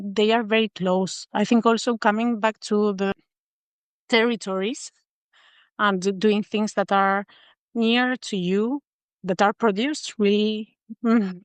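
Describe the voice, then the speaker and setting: A Spanish-accented woman talks as an interview guest, thoughtful and measured, with frequent small pauses. Her voice sits at a middle pitch and the sound is dry and close, with no room around it. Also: no room sound. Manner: thoughtful, many filler pauses. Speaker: guest designer. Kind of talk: podcast interview.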